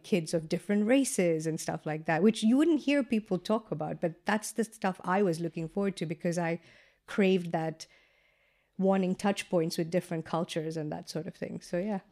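A guest entrepreneur from Kenya, a woman with a notably low, deep voice, tells the story of her upbringing in a relaxed, casual interview. Chatty and animated, she peppers her talk with "like" and quick asides, remembering with easy, open warmth.

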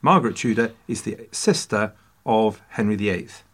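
A man's voice: fairly low pitch, lively intonation, moderate pace, fairly bright tone. An English man hosting a casual history podcast, full of jokey asides and mock French phrases. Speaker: podcast host.

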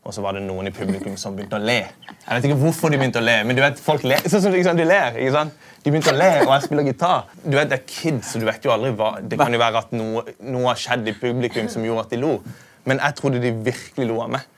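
A young man in casual chat, telling a story in an animated way and acting out what people said. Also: slight background noise. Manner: animated, acts out quotes with sudden pitch jumps. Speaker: guest musician.

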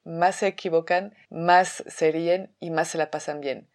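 A woman, a theater workshop teacher calmly explaining a drama exercise step by step. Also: low voice, unhurried. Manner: calm, methodical explanation with examples.

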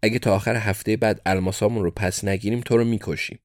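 A man's voice: fairly low pitch, steady tone, no room sound, studio quality, lightly acted. A man voicing a young American crime-family heir who makes threats but sounds sheepish. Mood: blustering threat.

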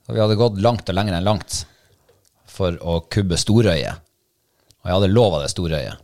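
A man with a very deep voice talks in casual conversation. He speaks slowly and thoughtfully, hesitating often and filling pauses as he recalls things. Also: animated, darkish tone. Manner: slow, hesitant and reflective, many fillers. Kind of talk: casual chat.

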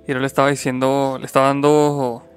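A man's voice: mid-range voice, flat delivery, fast, clean tone, faint music behind. A man with a Mexican accent co-hosting a podcast, joking and swearing in casual chat. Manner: joking, profane, laughs often. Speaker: podcast co-host.

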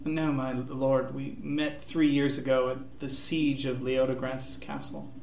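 A hesitant young knight who speaks slowly and mumbles his answers, voiced by a male narrator. The voice stays soft and plain. The room is echoey and the mic sits at a distance. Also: medium pitch, level tone, a little hiss or hum, natural voice.

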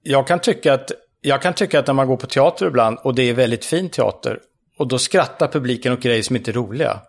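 A male comedian co-hosts a casual podcast talk. He offers dry, opinionated takes in an unhurried way. His voice sits at a middle pitch for a man. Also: gravelly. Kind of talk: casual chat.

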